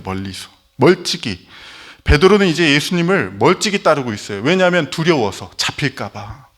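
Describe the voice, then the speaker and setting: A pastor from Jeolla preaching a sermon to young people, telling the story with animation and acting out the quotes. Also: male voice, fairly high pitch, fairly bright tone. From Jeolla, Korea.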